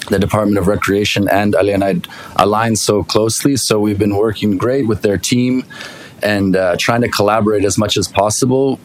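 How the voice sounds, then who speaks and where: Male delegate, lowish pitch, explaining plans conversationally into a table mic. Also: low-quality recording. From Iqaluit, Nunavut, Canada. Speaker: arts festival delegate. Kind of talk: informal presentation to council. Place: city council meeting room, at witness table. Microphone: table microphone with push button.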